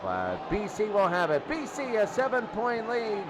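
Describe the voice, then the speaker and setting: Over a roaring stadium crowd and a noisy broadcast, a man calls a football game live on radio in short, clipped phrases. His voice sits high, swings hugely in pitch, and never hurries.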